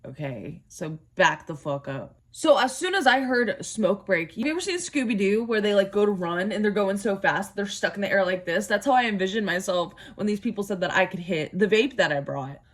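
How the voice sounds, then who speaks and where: A young woman who sounds sick, telling a profane, animated storytime vlog. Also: medium pitch, brisk, few pauses. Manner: animated, profane, dramatic retelling. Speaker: vlogger.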